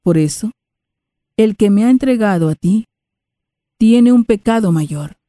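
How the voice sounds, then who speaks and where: A woman reading the part of Jesus, a calm and solemn man, in a lowered, slow voice. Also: no room sound, clean studio sound, close to an everyday voice.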